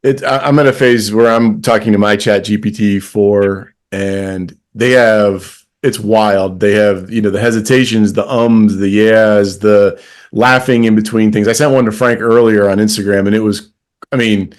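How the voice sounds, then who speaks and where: A man co-hosting a podcast in casual chat. His voice is on the low side. He sounds relaxed and wry. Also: moderate pace. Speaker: podcast co-host.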